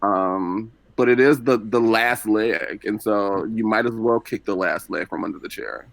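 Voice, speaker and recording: A man on a political podcast panel who builds his argument deliberately and steadily. His voice is on the low side, and the sound is dry and close. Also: creaky, fairly bright tone, no echo. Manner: deliberate, argues through metaphor. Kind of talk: casual political podcast chat.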